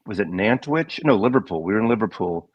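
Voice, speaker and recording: A man's voice: lowish voice, expressive, a little fast, slightly rough, no room sound, muffled recording. An older American man rambling through stories as co-host of a casual livestream chat. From United States. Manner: rambling storyteller, digressive.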